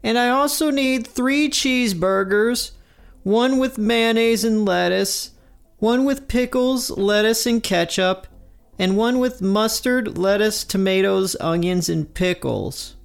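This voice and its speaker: A man's voice: high voice, takes it slowly, vocal fry, smooth, soft background music, pitched above the performer's own voice, exaggerated voice. A man voicing a woman teacher who orders food at a drive-thru, listing a long fussy order item by item. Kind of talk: podcast episode recap, quoting a cartoon.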